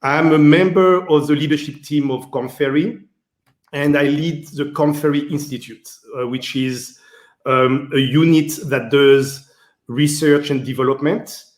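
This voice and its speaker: A man from Martinique with a French accent answers interview questions as a guest executive, sounding hesitant and using many fillers. His voice is fairly high, steady in tone, and unhurried. The recording has a roomy echo.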